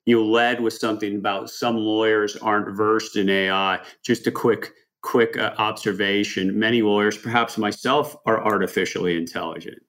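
A man's voice: on the low side, flat delivery, moderate pace, hardly any pauses, fairly bright tone. Joking male podcast host. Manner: joking, repeats phrases, folksy. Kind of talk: conversational podcast interview.

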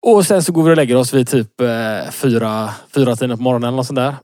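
A man's voice: medium pitch, a little mellow, no echo, studio quality. A man in his thirties co-hosting a casual podcast, rambling through a story with lots of fillers and laughing at himself. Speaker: podcast co-host. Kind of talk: casual chat, telling an anecdote.

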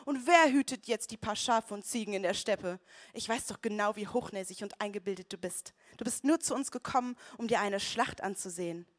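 A man's voice: sits high, brisk, a bit bright. A woman voicing a jealous older brother who snaps at his younger sibling with contempt. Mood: angry. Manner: snapping, contemptuous.

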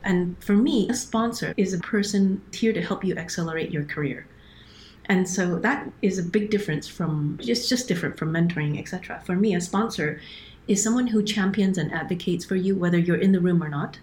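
Speaking a little fast in a lowish, slightly mellow voice, a middle-aged woman from Hong Kong explains things earnestly as a podcast guest over a remote call. She's an operations director and often restarts what she's saying.

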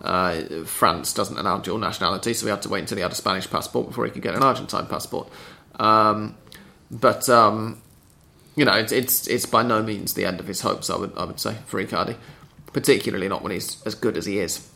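Man, podcast host, gravelly, bright tone, dry chat. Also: on the low side, steady tone, brisk. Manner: reads listener questions, chatty and dry.

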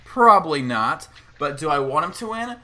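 Guy cohosting a podcast, kinda high voice, teasing his buddy a lot. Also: sing-song, moderate pace, sharp tone. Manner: teasing, enthusiastic, playfully ribs his co-host. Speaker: podcast co-host. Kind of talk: casual chat.

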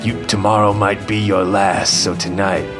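An older fight-pit handler played by a man talks approvingly in a fairly low voice. It is improvised tabletop role-play, with music clearly underneath. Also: flat delivery, moderate pace, natural voice. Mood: approving, matter-of-fact.

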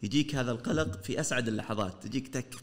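A man with a Saudi accent, an entrepreneur guest talking earnestly in a casual podcast chat. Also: mid-range voice. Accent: Saudi Arabic. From Saudi Arabia. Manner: fast and earnest, often trailing off and restarting.

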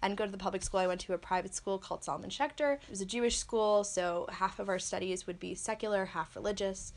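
A woman's voice: medium pitch, fast. A young woman from New York, a student, telling a personal story in a casual, conversational way. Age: young adult.

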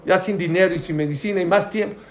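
A man's voice: high-pitched, fast talker, a little hiss or hum. A man, a rabbi giving a storytelling sermon who keeps asking his listeners questions. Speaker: rabbi teaching a Torah class.

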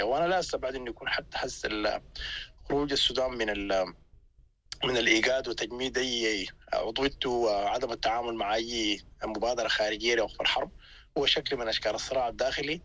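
A man from Sudan with a Sudanese accent giving spontaneous political analysis as an interview guest, often halting and repeating words as he searches for phrasing. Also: medium pitch, fairly bright tone, poor audio.

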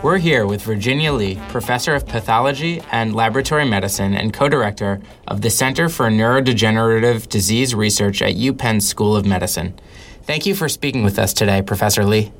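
Low-voiced young man hosting. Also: fairly quick, soft background music. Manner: steady, reading a prepared introduction. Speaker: podcast co-host. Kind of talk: scripted interview intro.

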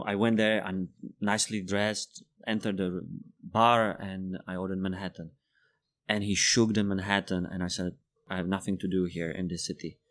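In a relaxed interview, a man in his thirties from the Czech Republic who works as a bartender shares lively anecdotes, laughing while he tells them. He speaks English as a second language in a voice on the low side.

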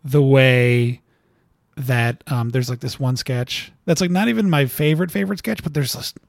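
A man's voice: medium pitch, moderate pace, creaky, no room sound, studio quality. A man talking casually as an interview guest, rambling with lots of fillers and laughing at his own stories. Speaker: cartoonist guest.

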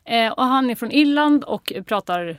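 A woman's voice: a little high, no room sound, clean studio sound. A woman, a podcast guest chatting casually and acting out quoted dialogue as she tells stories. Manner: lively storytelling, acts out quoted dialogue.

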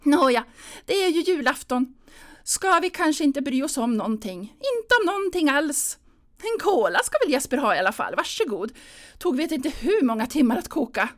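A woman's voice: sits high, very animated, pitched above the performer's own voice. A woman playing a fretful older mother. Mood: fussing. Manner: nervous, plaintive, close to tears. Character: anxious fussy older mother hosting Christmas dinner.

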